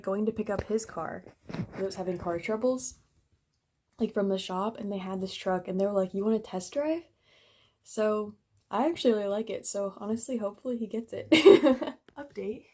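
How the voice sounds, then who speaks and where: A woman's voice: mid-range voice, a little mellow. A young woman chatting casually to her camera at home in her first vlog, rambling with plenty of fillers. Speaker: vlogger.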